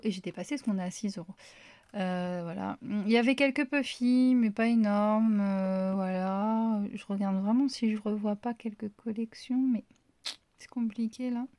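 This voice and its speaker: A woman's voice: mid-range voice, warm tone, dry recording. A woman showing her crafting finds in a casual, rambling haul chat, full of fillers. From France. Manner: chatty, rambling, many fillers. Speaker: craft vlogger.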